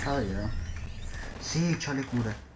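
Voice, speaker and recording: A man's voice: medium pitch, expressive, slow. A man commenting casually as he plays a game, given to explosive, exasperated cursing. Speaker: gamer recording own gameplay. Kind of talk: casual gaming commentary while playing. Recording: roomy, clearly noisy home recording with clicks.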